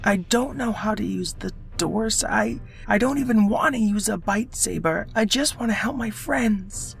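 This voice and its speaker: A man voicing an eager little boy fish hero in a bedtime story, high, excited and earnest. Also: measured pace, gravelly, breathy edge, soft background music, full character voice.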